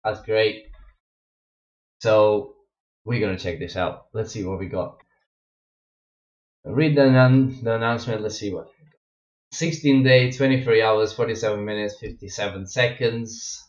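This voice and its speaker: A Russian-accented young man, born in Russia, streams from his gaming room in a low-leaning voice with fairly even intonation, a measured pace and frequent pauses. His casual chat rambles, packed with fillers and restarts. He wears a wireless headset, and the recording is echoey, dull and lo-fi, like a home mic.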